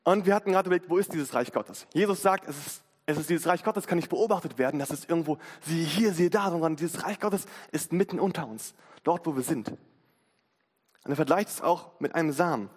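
A man's voice: fairly high pitch, expressive, fairly quick, slightly rough. A man in his twenties preaching a sermon in a casual, slangy way, acting out inner voices, recorded in a church hall. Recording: long hall reverb.

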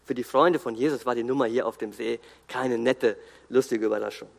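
A man preaching a sermon in an earnest, emphatic way, pausing and restarting as he builds his points. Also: mid-range voice, fairly even intonation, vocal fry. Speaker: guest preacher. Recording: long hall reverb.

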